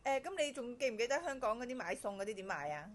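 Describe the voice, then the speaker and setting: A woman interviewing a job candidate in a brisk conversational way, repeating and rephrasing her questions. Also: a little high, expressive, slight background noise. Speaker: interviewer screening a domestic helper.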